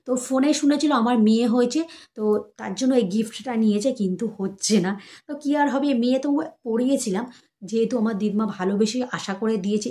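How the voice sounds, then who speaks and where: A young woman chatting casually to her viewers, showing gifts for her baby and keeping her voice soft so the child sleeps. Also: on the high side. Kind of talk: casual chat to camera.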